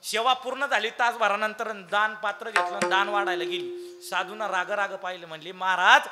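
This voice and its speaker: A man giving a devotional kirtan sermon, telling a story. He swings between loud declaiming and hushed asides and keeps quizzing the audience. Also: high-pitched, steady tone, brisk, faint music behind. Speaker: kirtan preacher.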